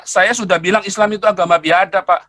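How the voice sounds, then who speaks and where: A man's voice: sits high, fairly even intonation, quick pace, pushed and bright. A young man from Indonesia arguing in a heated live debate, combative and mocking, cutting the other man off again and again. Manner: combative, mocking, keeps interrupting. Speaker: debater in a live online argument.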